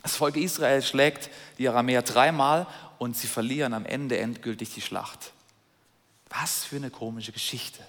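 A man preaching a sermon, retelling a scripture story with lively asides, in a large church hall. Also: mid-range voice, normal speed. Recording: long reverb of a large hall.

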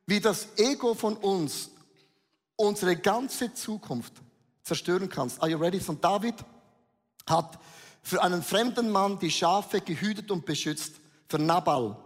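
A man preaching a sermon with fervent, rhetorical energy, dropping English catchphrases into his German. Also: high voice. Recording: long reverb of a large hall.

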